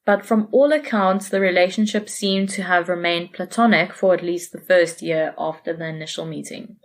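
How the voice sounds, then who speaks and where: A woman's voice: on the low side, moderate pace. A woman casually recounting a true case on a podcast, chatty and self-correcting, laughing easily. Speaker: podcast co-host presenting a case. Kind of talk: casual conversational storytelling.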